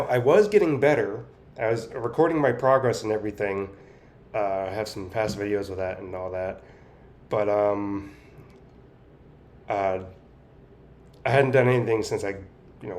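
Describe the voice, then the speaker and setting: Man talking through straw-clenched teeth, lowish voice. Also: fairly even intonation, a little fast, darkish tone. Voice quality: effortful, impaired articulation. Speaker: vlogger sharing speech progress. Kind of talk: casual personal update to camera.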